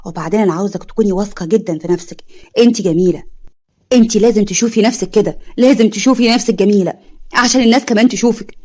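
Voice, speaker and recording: A woman voicing a gentle, reassuring middle-aged Egyptian father in a spoken drama story. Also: high voice, rapid-fire. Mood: tender.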